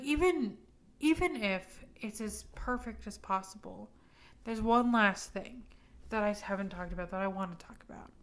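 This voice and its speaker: A woman's voice: medium pitch, fairly bright tone. A woman in her twenties, drunk and rambling emphatically through a casual, opinionated rant. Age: 20s.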